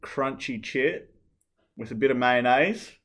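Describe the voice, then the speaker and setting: A man's voice: mid-range voice, takes it slowly, fairly bright tone. A man, co-hosting a podcast in casual, rambling chat full of fillers. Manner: rambling, filler-heavy, opinionated. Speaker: podcast co-host.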